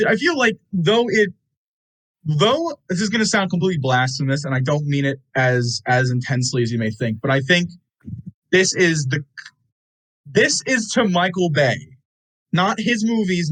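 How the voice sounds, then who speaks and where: A man's voice: a little high, expressive, moderate pace, a bit bright, no echo, rough recording. A young man co-hosting a casual movie podcast, opinionated and rambling, restarting his sentences. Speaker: podcast co-host.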